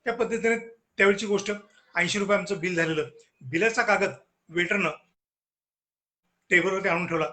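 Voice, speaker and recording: A man telling funny stories as the guest speaker at a lecture series. He is animated and acts out the dialogue, with a high voice and a bright, forceful tone. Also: normal speed, pauses often. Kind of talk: humorous storytelling lecture.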